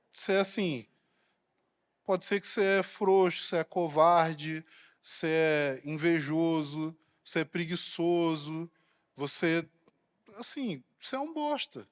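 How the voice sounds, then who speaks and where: Brazilian man, high-voiced pastor, blunt and provocative, church hall echo. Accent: Brazilian Portuguese. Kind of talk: sermon. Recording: long reverb of a church hall.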